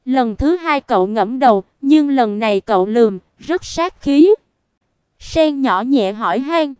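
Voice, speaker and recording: Slow, smooth-voiced woman narrating a story. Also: high-pitched, no room sound, clean studio sound. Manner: even, unhurried reading that voices the punctuation aloud.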